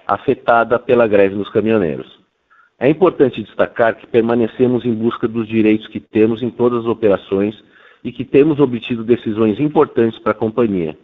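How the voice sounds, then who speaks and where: Low-voiced Brazilian man on tinny phone line. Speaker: company financial executive. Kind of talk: prepared results presentation. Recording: tinny, narrow telephone line.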